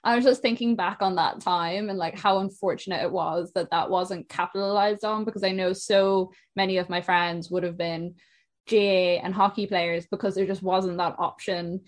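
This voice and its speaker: A woman's voice: medium pitch, fairly even intonation, moderate pace. A young woman with a west of Ireland accent, hosting a casual podcast interview. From Sligo, west of Ireland.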